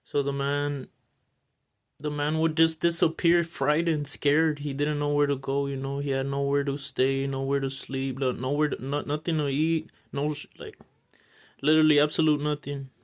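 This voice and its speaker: Male storyteller, a bit high-pitched, rambling casual delivery. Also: level tone, moderate pace. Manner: rambling, full of restarts and fillers.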